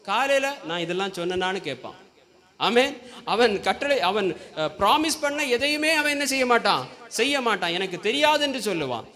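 A man's voice: high voice, very animated, moderate pace, bright, forceful tone. A man preaching a Sunday sermon in a church, often asking the congregation questions and prompting them to call back. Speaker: pastor.

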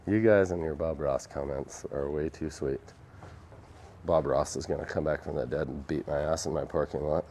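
A man's voice: extremely low pitch, steady tone, moderate pace, warm tone, a little hiss or hum. A young man chatting casually and self-deprecatingly with viewers while demonstrating epoxy on a live stream in a workshop. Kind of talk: casual live demo chat. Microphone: phone camera.

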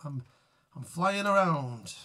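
A man's voice: on the high side, animated, slow pace, sharp tone. A man chatting casually to live viewers between songs, rambling and self-mocking as he greets people by name. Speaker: musician hosting a live tribute stream.

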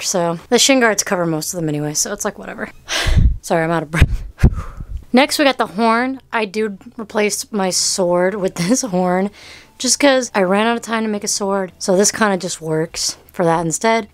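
A young adult woman chatting casually and self-deprecatingly about her handmade costume in a cluttered bedroom. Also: medium pitch. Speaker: cosplay costume maker. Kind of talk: casual craft vlog.

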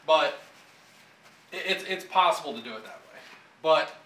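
This thirty-something engine shop technician talks at a normal speed in a fairly high, sharp, animated voice. He's working indoors by a pegboard wall, casually walking through engine timing in a how-to demonstration full of filler words.

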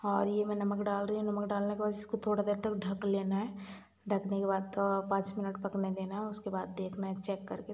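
A woman's voice: mid-range voice, warm tone. A young woman chatting casually to viewers while she cooks in her home kitchen, talking to her child now and then. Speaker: home cooking vlogger. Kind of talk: casual cooking vlog chat.

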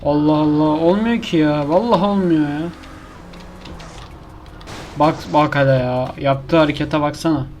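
Gaming commentator, male, higher pitch, frustrated self-talk, slight background hiss. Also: unhurried, long pauses, darkish tone, dull audio. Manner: exasperated, complaining, talks to himself and the game. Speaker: gaming YouTuber. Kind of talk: casual gameplay commentary.

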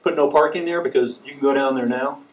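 A man's voice: medium pitch, fast talker, dull audio. A man from the audience at a town hall, raising a detailed, persistent complaint about a turn with wry humor. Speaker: resident asking questions. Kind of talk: public comment at a town hall. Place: meeting room, indoors.

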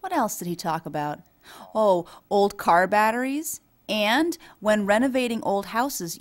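A woman reading an English voice-over for a signed conversation, explaining things in a steady storytelling way. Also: a little high. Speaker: voice-over for a signing speaker. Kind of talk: scripted dialogue voice-over.

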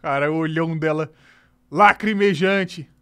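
A man's voice: fairly high pitch, measured pace, noisy background. A young man with a Brazilian Portuguese accent, streaming a rambling, exclamatory reaction to a trailer. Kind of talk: casual reaction commentary.

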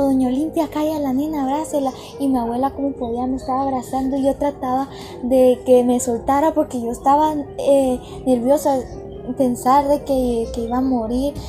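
A woman telling a personal story to camera in a chatty, earnest way, speaking straight to her viewers, with music playing behind her. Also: high-pitched. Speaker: vlogger. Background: background music.

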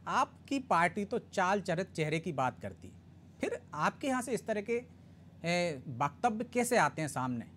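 A man's voice: high-pitched, sing-song, moderate pace, a bit bright. Male anchor asking pointed questions. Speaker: TV debate anchor. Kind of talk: moderating a televised panel debate.

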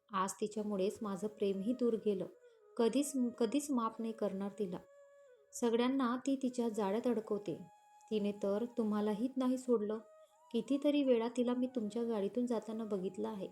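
A woman's voice: on the high side, moderate pace, lightly acted. Woman doing a jealous, taunting young woman. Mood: bitter. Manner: taunting, sharp-tongued. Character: haughty jealous young woman office employee.

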